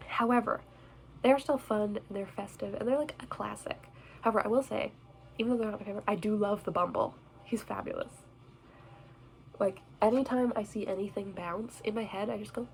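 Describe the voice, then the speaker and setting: Young woman vlogger, chatty and bubbly, mid-pitched voice, faint background noise. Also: vocal fry, a little mellow, poor audio. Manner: chatty, bubbly, self-deprecating. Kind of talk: casual chat reviewing movies. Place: indoors in front of a Christmas tree.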